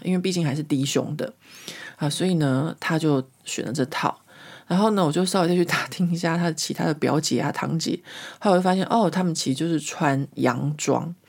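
Podcast host, woman in her 40s, low voice, rambling casual storytelling. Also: gravelly. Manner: chatty, rambling storyteller, many fillers. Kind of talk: casual chat monologue.

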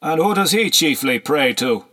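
A man's voice: a little high, expressive, moderate pace, sharp tone, pitched above the performer's own voice. A man voicing a cold, haughty nobleman on horseback, curt and commanding, in an audiobook reading.

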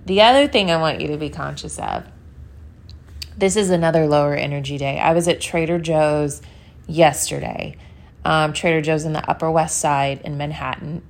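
A woman's voice: sits low, slight background noise. Sleepy, chatty woman hosting a podcast. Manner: rambling, chatty, with laughs and fillers. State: sleepy, yawning. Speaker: podcast host. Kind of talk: casual podcast monologue. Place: New York.

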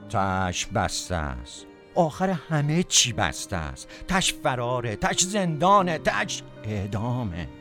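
A man's voice: medium pitch, wildly swooping pitch, bright, forceful tone, soft background music, exaggerated voice. A man playing an anguished, irritable passenger haunted by guilt, speaking in terse repetitions in a poetic audio drama.

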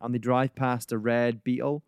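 A man's voice: mid-range voice, level tone, normal speed, clean tone, no room sound. Rambling podcast man, dry sound. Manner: rambling with many ums and likes. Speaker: podcast co-host. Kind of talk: casual podcast chat.

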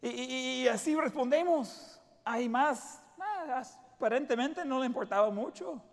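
Man, pastor, high voice, lively sermon delivery with quoted voices, long hall reverb. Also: measured pace. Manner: animated preaching, acting out quoted voices.

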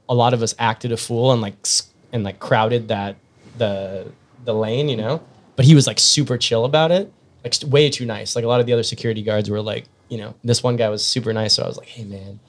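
A man telling long, rambling stories in a casual podcast chat, full of fillers and restarts. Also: mid-range voice.

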